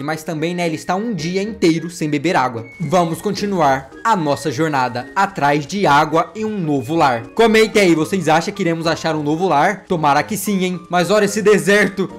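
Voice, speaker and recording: A man narrating a survival game in character as a wolf father, with dramatic storytelling and playful exclamations. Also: fairly high pitch. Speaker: gameplay vlogger voicing his wolf character.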